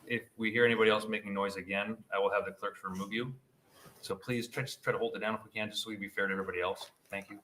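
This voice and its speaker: A man chairing a legislative hearing, brisk and informal, with light jokes. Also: fairly low pitch, fairly even intonation, pushed and bright, a little hiss or hum, poor audio. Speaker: committee chair.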